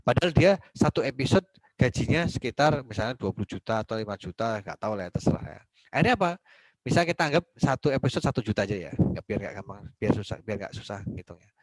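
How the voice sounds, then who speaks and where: A man's voice: on the low side, animated, fast, no room sound, low-quality recording. Lecturing man, dry close sound. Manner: conversational, asks and answers own questions, acts out dialogue. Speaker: law lecturer. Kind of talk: university lecture.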